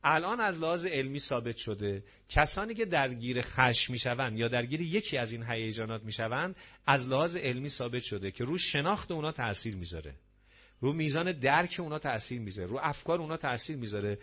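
A man's voice: mid-range voice, sing-song, a bit bright, slightly rough. A man giving a religious sermon to a gathering, emphatic and full of rhetorical questions. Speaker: preacher. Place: gathering hall with audience. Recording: dull lo-fi audio.

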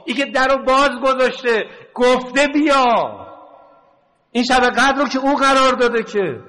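A man preaching an emotional religious sermon, slipping into slow, tearful chanted prayers. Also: extremely high pitch, steady tone, sharp tone, low-quality recording. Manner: chants prayer lines slowly with tearful swells.

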